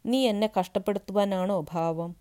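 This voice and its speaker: A woman's voice: mid-range voice, fairly even intonation, normal speed, clean tone, voice pushed up, close to an everyday voice. A woman voicing an anxious wife in her forties who pleads and then turns furious, in a read-aloud story. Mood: anxious pleading. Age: 40s. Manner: pleading, rising to shouts.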